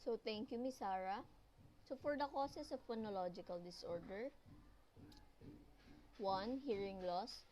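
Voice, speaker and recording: A woman's voice: mid-range voice, unhurried, pauses often, a little mellow, slight background noise, rough recording. A woman with a mid-range voice presents in class as a student presenter. She goes through her points one at a time in a plain listing manner.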